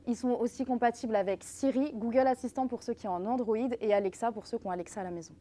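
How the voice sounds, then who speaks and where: Woman, fairly high voice, product demonstrator, explanatory delivery, addressing viewers. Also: quick pace, dark tone. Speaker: brand representative presenting earbuds. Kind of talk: live product presentation.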